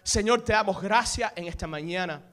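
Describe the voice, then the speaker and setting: A fervent man preaches and prays in a church, his prayer rising intensely as he mixes in English words. His voice is high and a bit bright, at normal speed.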